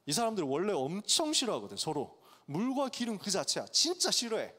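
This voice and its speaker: A male pastor preaching to college students, telling the story in a lively way and acting out its characters' voices. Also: high voice, a little fast. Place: church sanctuary. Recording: long church hall reverb.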